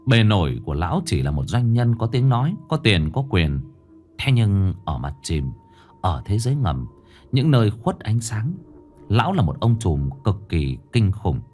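Low-voiced man telling a crime story. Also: very animated, measured pace, a little mellow, faint music behind. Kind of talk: dramatic crime story narration.

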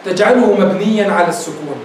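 High-voiced man teaching in an echoey room. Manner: asks rhetorical questions and repeats examples slowly; addresses listeners as "beloved ones". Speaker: sheikh teaching Arabic grammar. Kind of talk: classroom grammar lecture. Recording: very echoey room, voice from a distance, faint noise.

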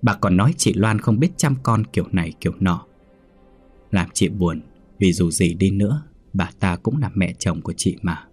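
Deep, husky male horror narrator. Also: normal speed, darkish tone, soft background music. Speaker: storyteller. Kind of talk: scripted horror story narration.

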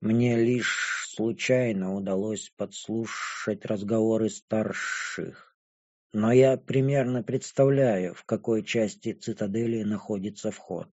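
A man voicing a gloomy, detached young dragon-woman who speaks flatly and slowly in an audiobook. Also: on the low side, highs cut off, voice pushed down. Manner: flat, indifferent, hushed and slow. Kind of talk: audiobook character voice.

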